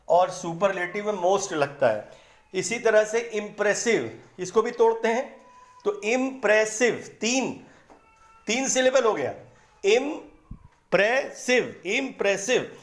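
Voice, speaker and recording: A man teaching English grammar in a patient, explanatory way, repeating words slowly to break them into syllables. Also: high voice, reverberant. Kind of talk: explanatory lesson in Hindi.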